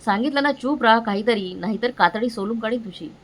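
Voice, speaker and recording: A woman's voice: fairly high pitch, fairly quick, close to an everyday voice. A woman voicing a stern, angry middle-aged father in a read-aloud story, scolding harshly and making threats.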